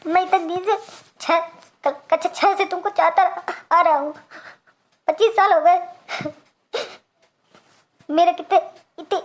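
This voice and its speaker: A heartbroken, vengeful village man from a cartoon comedy, voiced by a performer, speaking with an Awadhi accent. The voice sits high and keeps breaking into stammers, tearful threats and insults.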